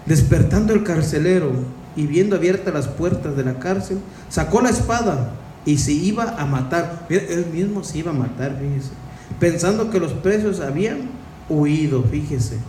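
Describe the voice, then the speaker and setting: A man's voice: on the high side, lively intonation, normal speed, dark tone, far from the mic. A man preaching an informal Bible-study sermon, chatting with the listeners and often asking them questions. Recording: roomy echo with faint background noise.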